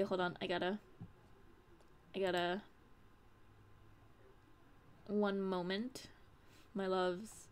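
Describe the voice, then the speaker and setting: A young woman chats on a livestream in a bubbly, rambling way, giggling often as she reads messages from her chat aloud. Her voice sits at an ordinary middle pitch. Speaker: audio creator streaming live.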